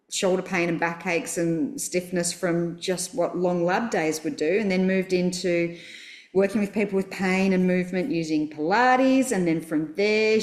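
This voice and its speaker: An Australian woman hosting a podcast, chatty and enthusiastic as she introduces her guest. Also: fairly low pitch. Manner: enthusiastic, chatty, laughs easily. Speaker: podcast host. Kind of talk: friendly interview introduction. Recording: roomy echo.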